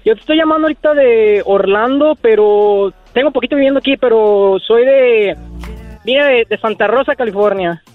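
Young caller on a tinny phone. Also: male voice, very high voice, normal speed, faint music behind. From Mexico. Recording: tinny phone line, dry.

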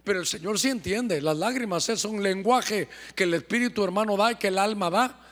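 A man's voice: sits high, a little fast, fairly bright tone. A man with a Honduran accent preaching a fervent sermon in church, calling out to his listeners as brothers. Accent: Honduran Spanish. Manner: fervent, keeps addressing "hermano". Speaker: apostle preaching. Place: church service. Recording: long church hall reverb.

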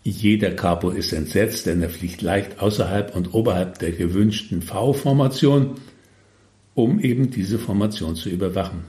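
Low-voiced man reading a wry story. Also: normal speed, dark tone, echoey room. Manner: wry, tongue-in-cheek asides. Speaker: author reading his own story. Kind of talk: humorous storytelling.

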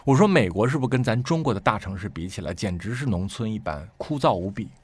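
Male storyteller, low voice, lively and emphatic, plays out the dialogue himself. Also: quick pace, breathy edge, no echo. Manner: animated, acts out quoted speech with sharp rises. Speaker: storyteller guest. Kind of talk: casual conversational storytelling.

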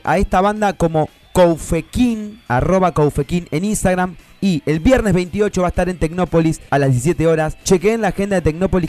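A man's voice: on the high side, darkish tone. Chatty man with a rioplatense accent. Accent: Rioplatense Spanish. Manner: chatty, enthusiastic, many fillers and restarts. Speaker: radio host. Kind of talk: casual radio chat about children's music.

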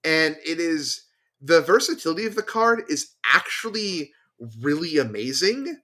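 A man's voice: fairly high pitch, sing-song, measured pace, pushed and bright. A man, a podcast guest, talking casually about a card game and thinking aloud with many fillers and restarts. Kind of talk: casual chat.

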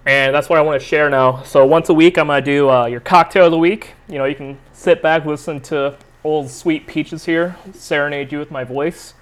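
A young man hosting his own podcast, telling a rambling, profane, self-mocking story in casual chat. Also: fairly high pitch. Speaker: podcast host. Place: San Diego area.

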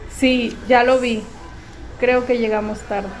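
A woman's voice: a little high, fairly even intonation, takes it slowly. A woman playing a female shift supervisor who jokes with her staff and gives urgent orders. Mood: resigned. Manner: teasing, then urgent commands. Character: female shift supervisor, joking but protective.

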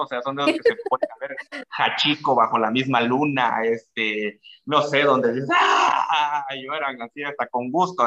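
A Mexican man talks casually and animatedly. His bright, forceful voice jumps high when he acts out what people say. The sound is dull and lo-fi. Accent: Mexican Spanish. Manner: animated, acts out quoted speech with big pitch jumps. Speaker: guest speaker. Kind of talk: casual explanatory talk.

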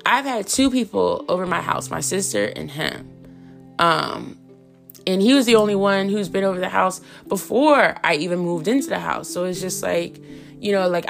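Frank, gravelly-voiced woman podcaster. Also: fairly low pitch. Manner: candid, frank and chatty with many fillers. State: hiccuping and coughing. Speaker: podcast host. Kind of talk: casual solo podcast monologue.

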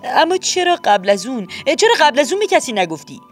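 A woman voicing a kindly hyena mother posing as a human, warm and gently scolding. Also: high voice, big pitch swings, soft background music, pitched above the performer's own voice. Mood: gentle.

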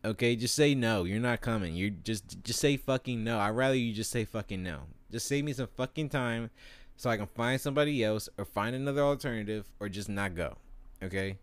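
A man's voice: on the low side, a little fast, dry recording. A young man delivering a crude, rambling, exasperated comedic rant to camera with lots of fillers. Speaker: vlogger.

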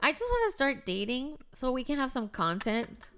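Young Mexican woman, co-host, high clear voice, chatty reactions, mixes in English. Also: sing-song, unhurried, fairly bright tone. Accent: Mexican Spanish. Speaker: podcast co-host. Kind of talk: casual chat.

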